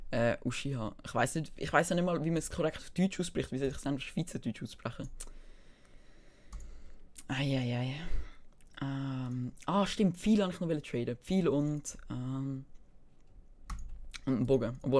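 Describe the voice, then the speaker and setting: A man's voice: mid-range voice, warm tone. A man with a Swiss German accent chatting casually on a live game stream, half talking to himself and half answering chat. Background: keyboard typing and mouse clicks.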